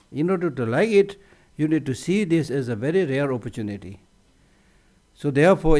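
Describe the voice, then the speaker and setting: Mellow-voiced man giving a Buddhist teaching. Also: a little high. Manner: conversational, repeats words as he restarts. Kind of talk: conference teaching talk.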